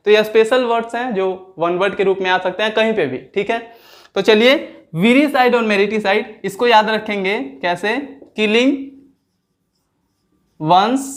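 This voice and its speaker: A man teaching an exam vocabulary lesson, repeating each word slowly and drawing it out as he checks that his students understand. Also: high voice, fairly bright tone. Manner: asks students questions and checks their understanding.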